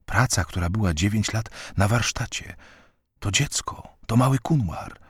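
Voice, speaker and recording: A man reading the lines of an earnest young man who urges and comforts a woman, in his own husky voice. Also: fairly low pitch, a little slow, no room sound, voice pushed up. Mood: urgent. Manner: urgent, pressing.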